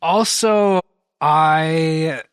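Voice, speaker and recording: A man's voice: a little high, smooth, no echo. A chatty man, a podcast guest, who laughs easily and talks a lot in casual conversation. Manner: chatty, quick to laugh, self-described big talker. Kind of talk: casual chat.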